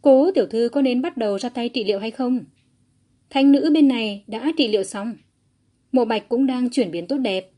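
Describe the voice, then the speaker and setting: A man's voice: very high-pitched, moderate pace, mellow. A woman voicing an elderly grand elder, a desperate father who pleads in a shaky voice. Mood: urging. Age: older.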